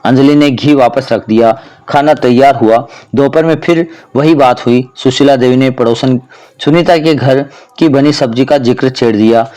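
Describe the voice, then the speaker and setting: A man telling a household story in narration, reading every character's lines in the same even voice. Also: mid-range voice, moderate pace.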